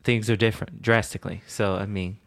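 Young man, low voice, casual podcast chat, quick bursts, restarts. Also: flat delivery, a bit bright. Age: 20s. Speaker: podcast co-host.

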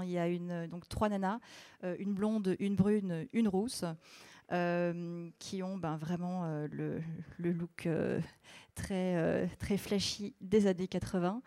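A woman casually presenting vinyl records, talking in a hesitant, halting way with lots of fillers and restarts. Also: lowish voice, dark tone, no echo.

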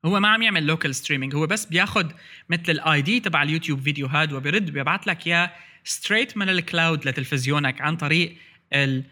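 Levantine arabic guy hosting a tech podcast, really bright forceful voice, talks fast, drops english words in. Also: a little high. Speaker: podcast host. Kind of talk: casual tech podcast discussion.

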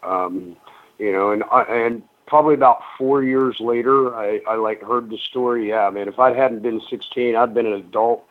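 A man's voice: medium pitch, steady tone, normal speed. Guy rambling thru a story on the radio, lots of ums, sounds like a phone line. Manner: rambling, many ums and restarts, chatty. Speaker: guest, pro wrestler. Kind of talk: casual radio interview storytelling.

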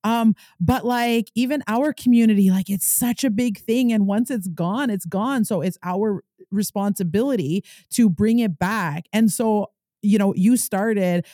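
A woman's voice: mid-range voice, unhurried, warm tone, no echo, clean studio sound. A woman hosting a podcast, who chats casually and rambles a little as she encourages her guest. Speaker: podcast host. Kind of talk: casual interview chat.

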